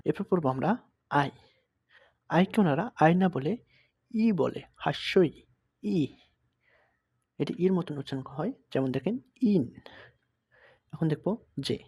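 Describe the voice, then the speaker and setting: A young man with a husky, slightly breathy voice that sits a little high teaches letters step by step. He speaks Bengali as his first language and repeats each example word slowly and patiently. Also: dark tone. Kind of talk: explaining at a blackboard.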